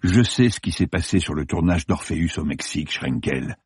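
A man reads a hard-pressing male police commander in an audiobook. His voice sits low and husky, cold and insistent. The sound is dry and close. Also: moderate pace, no echo. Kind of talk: audiobook character voice.

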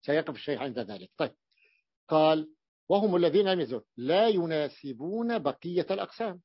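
Halting male Arabic grammar teacher. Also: a little high, sing-song, breathy edge, dry recording. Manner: halting, repeats words while explaining. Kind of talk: classroom grammar lesson. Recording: dull lo-fi dry recording.

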